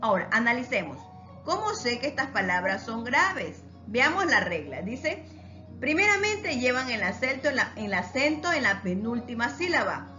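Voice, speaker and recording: A woman teaching a recorded lesson to her students, speaking slowly and with emphasis, and asking questions that she then answers herself. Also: on the high side, sing-song, pushed and bright, highs cut off, faint music behind. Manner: slow, emphatic, asks rhetorical questions and answers them.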